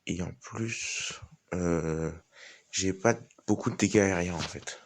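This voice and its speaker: A man's voice: low voice, slow. A man giving casual, informal live commentary on a game as he plays, thinking aloud. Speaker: gaming video host.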